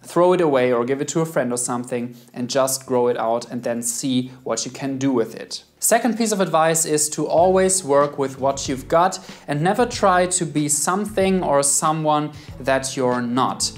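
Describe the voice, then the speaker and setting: A man's voice: fairly high pitch, normal speed, hardly any pauses. A man with a German accent, a guest beard expert giving methodical, earnest advice straight to camera. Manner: earnest, methodical, numbered tips.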